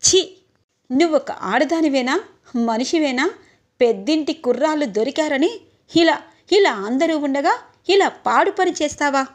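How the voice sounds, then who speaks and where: A woman's voice: high-pitched, normal speed, pauses often, lightly acted. A woman voicing a furious domineering matriarch. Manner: scolding, loud.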